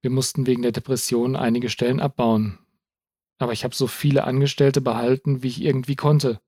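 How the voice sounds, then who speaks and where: A man's voice: mid-range voice, level tone, fairly quick, darkish tone, slightly rough, dry recording, clean studio sound, lightly acted. A man voicing an anxious, panicky male plantation owner who sounds frightened and pleading. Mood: regretful.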